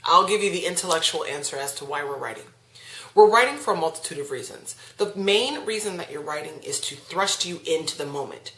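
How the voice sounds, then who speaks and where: A woman's voice: low-pitched, lively intonation, a little fast, fairly bright tone, reverberant, poor audio. A woman leading a self-help class, speaking emphatically and often asking rhetorical questions. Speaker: class teacher. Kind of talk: spoken self-help lesson.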